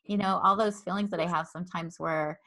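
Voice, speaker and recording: A woman's lowish, steady voice comes across fairly quick and sharp as she hosts an interview. Earnest and wordy, she often says um and repeats words; she is an adult with a child.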